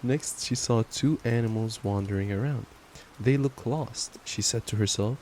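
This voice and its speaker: A young man roleplays a boyfriend for ASMR and bedtime reading, affectionate and playfully casual. His mid-range voice moves at a moderate pace. The low-quality recording carries steady rain noise.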